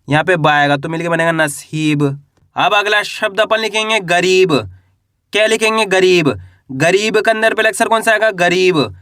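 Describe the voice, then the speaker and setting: A man teaching reading and writing, slowly sounding out syllables and asking his listeners questions. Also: sits high, sharp tone, no echo, studio quality. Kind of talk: Hindi reading and writing lesson.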